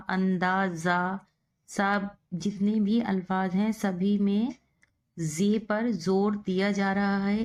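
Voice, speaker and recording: A woman teaching Urdu, spelling words out letter by letter and repeating each one. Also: medium pitch. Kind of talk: slow spelling-out lesson.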